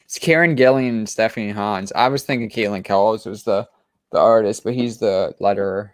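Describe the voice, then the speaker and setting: Low-voiced man rambling about comics. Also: normal speed, no room sound, clean studio sound. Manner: enthusiastic, rambling with many restarts and fillers. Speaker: co-host of a comic book show. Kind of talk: casual chat.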